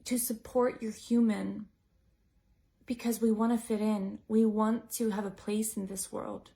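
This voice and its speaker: A woman leading a breathwork class, talking in a gentle, musing way, full of "like" and "you know". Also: medium pitch, little pitch movement, measured pace, gravelly. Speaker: breathwork teacher. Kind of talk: reflective teaching talk to a group.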